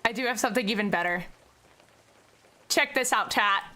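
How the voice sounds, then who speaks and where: A woman's voice: mid-range voice, normal speed. A young woman streaming, chatting casually and directly with her viewers. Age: young adult. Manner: chatty, talks to chat directly, bursts into excited squeals. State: tearful with joy. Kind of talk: casual livestream chat.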